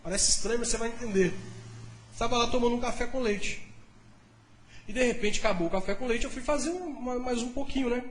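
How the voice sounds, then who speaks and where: A male pastor telling a testimony in a sermon, telling the story in a lively way and speaking to the congregation. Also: very high voice, fast, echoey room, slight background noise.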